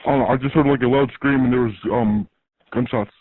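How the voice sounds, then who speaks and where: A man's voice, distorted and robotic as if run through a voice changer, comes through a tinny, phone-like recording of an emergency call. The sound is dry and close, with no room around it. He talks hesitantly, filling pauses with fillers. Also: medium pitch, steady tone, no echo. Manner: hesitant, halting, filler-heavy. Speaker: 911 caller.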